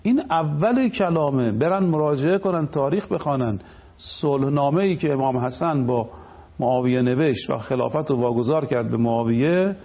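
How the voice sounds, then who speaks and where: A man's voice: medium pitch, dull audio. A man speaking as a cleric on a television program, delivering an emphatic religious lecture. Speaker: cleric guest.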